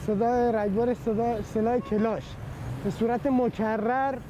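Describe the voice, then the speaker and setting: A man's voice: very high-pitched, fairly even intonation. A man, a security officer, giving a formal, report-like eyewitness statement with some hesitations. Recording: outdoor noise behind voice.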